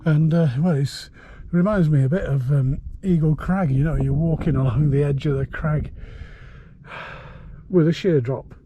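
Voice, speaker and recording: A man, filming himself on an exposed fell and chatting casually about the route, rambling and unhurried with frequent hesitations. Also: on the high side, muffled recording. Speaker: hillwalking vlogger. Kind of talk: casual walking commentary. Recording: loud wind noise on the mic. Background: gusting wind.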